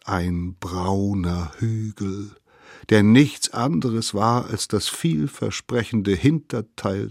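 A man reading a children's story aloud in a slow, expressive and playful way. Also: low-pitched, husky, no room sound, studio quality.

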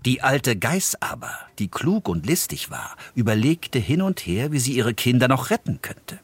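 A man's voice: normal speed, husky. Man reading a fairy tale. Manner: expressive storytelling, dropping low and soft at tense moments. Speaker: narrator.

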